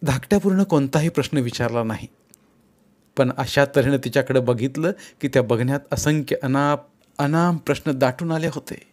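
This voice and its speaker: A man narrating a Marathi short story in a steady, expressive reading voice. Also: mid-range voice, moderate pace.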